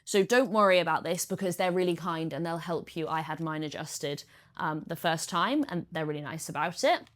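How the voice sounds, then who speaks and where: A woman's voice: low-pitched, moderate pace, slight background noise. A woman, talking through her triathlon kit in a casual how-to vlog, chatty and practical. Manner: chatty, practical, explains step by step. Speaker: triathlete vlogger.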